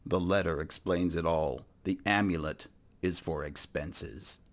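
A man's voice: sits low, a little slow. A man hosting a let's play, dryly role-playing his character in gameplay commentary. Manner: dry, deadpan, speaking in character.

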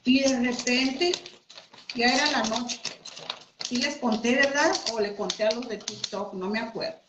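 A woman's voice: fairly high pitch, measured pace, noisy background. Chatty woman teaching crafts, echoey room. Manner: chatty, addresses viewers as friends. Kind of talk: casual live craft class. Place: home room. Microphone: computer mic. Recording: echoey room, dull audio.

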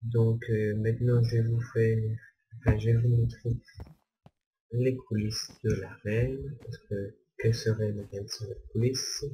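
Young guy rambling over his gameplay, slow and flat, mellow low voice. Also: rough recording. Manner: rambling, hesitant, repeats himself. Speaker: gamer. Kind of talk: casual gameplay commentary.

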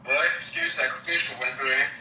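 A man's voice: medium pitch, fairly even intonation, very fast, recorded from a distance. A young man with a Quebec French accent chatting casually with a friend over a tinny speakerphone. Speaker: friend on a phone call. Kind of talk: casual chat. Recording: tinny speakerphone, echoey room, faint noise.

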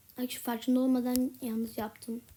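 A woman giving casual gameplay commentary in a soft, half-whispered voice, a little sick with a slightly rough voice. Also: a little high, little pitch movement, moderate pace. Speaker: gaming channel host.

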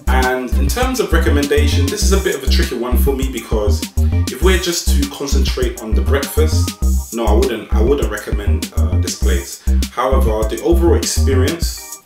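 A man's voice: mid-range voice, animated, normal speed, reverberant, over loud music. A man, reviewing a restaurant in an enthusiastic, chatty vlog and giving scores out of five. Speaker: food vlogger. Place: restaurant and home room.

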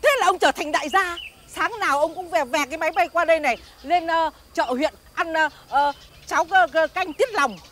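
A gossipy village tea-stall seller. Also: female voice, very high voice, brisk, fairly bright tone. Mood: gossiping. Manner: chatty, gossiping.

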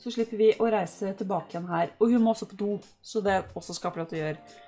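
A young woman from Norway chatting casually through a life-sim game, cheering her sim on loudly at times. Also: mid-range voice. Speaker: gaming YouTuber. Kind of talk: casual let's-play commentary. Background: faint game music.

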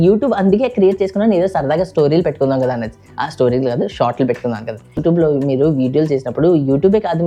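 A young man whose first language is English, chatting rapidly to camera as a travel vlogger and often repeating and correcting himself. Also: sits high, warm tone. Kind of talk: casual vlog talk to camera.

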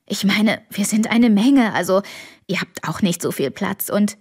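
A woman's voice: mid-range voice, measured pace, a little mellow, breathy edge. A woman reading the part of a worried, middle-aged neighbor father, retelling in a shaken, hesitant way. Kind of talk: audiobook reading.

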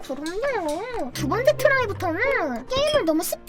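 Shrieking high-voiced woman game streamer. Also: very animated, normal speed. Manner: shrieks and wails at mishaps, chatty with chat. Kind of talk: live game commentary.

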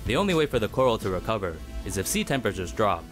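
A man narrating a scripted news story in a serious, measured way. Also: lowish voice, very animated, faint music behind.

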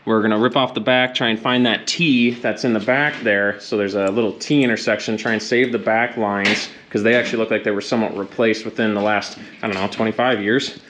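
A man's voice: fairly low pitch, fairly even intonation, a little fast, few pauses, a bit bright. A young man giving viewers a chatty update on brake repairs in a home garage. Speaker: co-host of a car repair channel. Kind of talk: casual garage chat. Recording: noisy garage with clicking tools.

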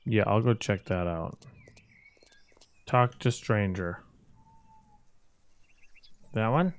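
A man's voice: fairly low pitch, extremely slow. A man hosting a gaming video with casual, jokey commentary, thinking aloud and poking fun at himself.

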